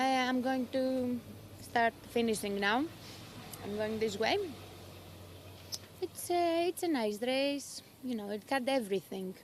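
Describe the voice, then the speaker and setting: A woman's voice: on the high side, slight background noise. A woman from Greece with a Greek accent, a triathlete answering trackside interview questions outdoors, hesitant and searching for words in English. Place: outdoors at a race aid station.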